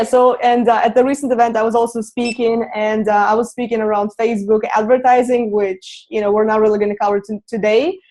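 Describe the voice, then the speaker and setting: A woman's voice: on the high side, darkish tone, slight background noise, low-quality recording. A woman in her twenties with a Russian accent, co-hosting a webinar in a chatty way with many fillers. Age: 20s. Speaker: co-host. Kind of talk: casual webinar introduction.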